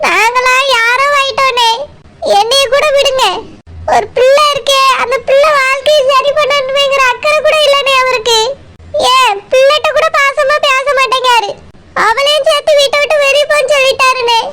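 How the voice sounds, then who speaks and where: A woman's voice: very high-pitched, fairly even intonation, normal speed. A woman voicing a tearful middle-aged village mother in a cartoon, with a Tirunelveli Tamil accent and a sobbing, pleading way of talking. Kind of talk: cartoon voice acting. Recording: loud background noise.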